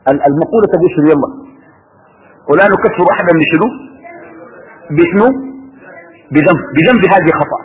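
A man teaching a religious lesson to students, posing rhetorical questions to the class in an animated way. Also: on the high side, fast, pauses often. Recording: dull lo-fi sound in a reverberant hall.

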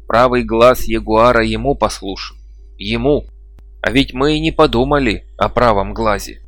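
A man's voice: medium pitch, normal speed, a bit bright, no room sound, lightly acted. Man reading a stubborn, scornful chief. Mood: insistent. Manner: reproachful, sneering.

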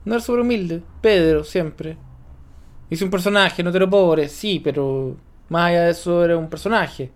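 A man's voice: high voice, moderate pace. A man with a Chilean accent teasing his partner in improvised comedy banter. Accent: Chilean Spanish. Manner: playful, deadpan teasing, bursts into shouting.

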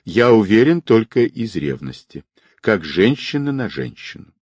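A man voicing a composed, persuasive man who speaks calmly and with quiet confidence. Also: fairly low pitch, no echo, voice pushed up, exaggerated voice. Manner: calm, measured, persuasive.

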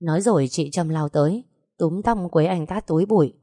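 A woman's voice: on the low side, a little fast, warm tone, no echo, studio quality. A woman narrating a first-person drama story in a vivid, dramatic way.

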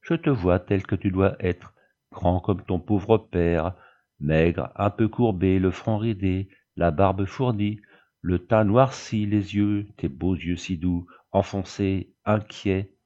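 A man's voice: low voice, steady tone, slow, dark tone, lo-fi sound. A man reading the part of a grieving old peasant widow who pleads in fervent prayer. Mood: pleading.

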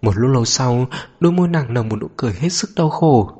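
A man narrating a romance audio novel in an even, steady storytelling manner. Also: mid-range voice, quick pace, breathy edge.

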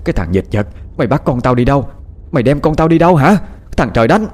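A man voicing a furious middle-aged village mother who scolds and shouts in a shrill voice. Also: expressive, fast, close to an everyday voice.

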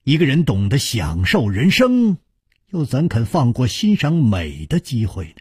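A male storyteller with a slightly husky voice, telling the tale slowly and theatrically. His pitch rises and falls lavishly as he lingers over each phrase, now and then breaking into a sighing aside. The sound is close and dry, with no room around it. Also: dry recording. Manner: slow, expressive, theatrical narration with sighing asides. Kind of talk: Chinese storytelling narration.

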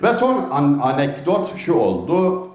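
A man's voice: unhurried, roomy sound. A man telling humorous anecdotes in a religious talk, acting out the characters with big swings of voice. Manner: animated, swings pitch up and down to act out each character. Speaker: storyteller giving a religious talk. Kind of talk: storytelling talk with acted quotes.

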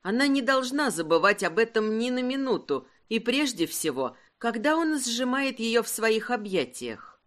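A woman narrating a romance audiobook in a smooth, measured storytelling manner. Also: fairly high pitch, very animated, fairly bright tone. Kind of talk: scripted narration.

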